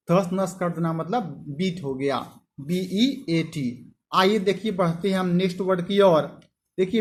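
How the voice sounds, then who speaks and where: A man teaching English vocabulary, who spells words letter by letter and keeps asking his students questions that he then answers himself. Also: high-pitched. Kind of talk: explaining word meanings to students.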